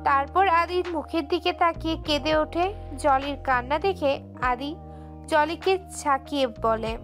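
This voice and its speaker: A woman narrating a scripted romantic audio story in an emotive, steady way. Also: high voice, measured pace, faint music behind.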